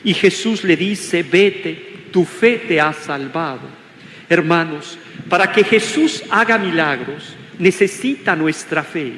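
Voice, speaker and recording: Older mexican bishop giving a sermon, high-pitched, big echoey cathedral with long reverb. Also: male voice, animated, slow, fairly bright tone, a little hiss or hum. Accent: Mexican Spanish. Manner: preaching with rhetorical questions and call-and-response. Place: large cathedral.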